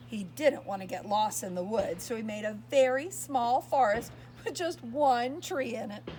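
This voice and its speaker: A woman reading a picture book aloud to young children, expressive and pausing to ask her listeners questions. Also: fairly high pitch, a little hiss or hum. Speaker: storyteller.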